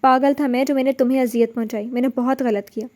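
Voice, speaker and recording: A woman's voice: high-pitched, fairly even intonation, a little mellow, natural voice. A woman reading a story aloud, voicing a young man full of grief and remorse over his murdered parents. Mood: remorseful. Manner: anguished, pleading.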